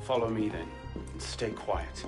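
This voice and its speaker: A male actor plays a guarded man from a historical adventure game. His voice sits low, with music behind it. The delivery is controlled dialogue for a period story. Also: unhurried, close to an everyday voice. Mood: guarded, hushed.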